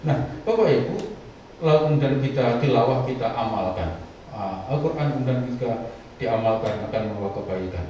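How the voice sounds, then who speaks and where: A man's voice: medium pitch, animated, fairly quick, warm tone, slight background noise. A middle-aged man giving a humorous Ramadan sermon, acting out little everyday scenes and often addressing his listeners as Bapak Ibu. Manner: humorous, acts out little scenes from daily life. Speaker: Islamic preacher. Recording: dull, echoey hall from a distance.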